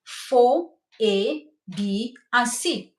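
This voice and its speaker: A woman's voice: on the high side, animated, drawn-out words, roomy sound. A middle-aged woman from Cameroon with a Cameroonian French accent, a native French speaker, teaching hair care on a live stream. She talks with eager enthusiasm and keeps checking in with her listeners. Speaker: hair coach and cosmetologist.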